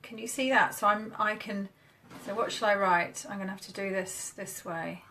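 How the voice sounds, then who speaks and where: Bright chatty British woman on a webcam. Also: medium pitch, steady tone, normal speed. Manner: chatty, upbeat, demoing on screen as she talks. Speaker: marketing coach. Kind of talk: casual Facebook Live chat.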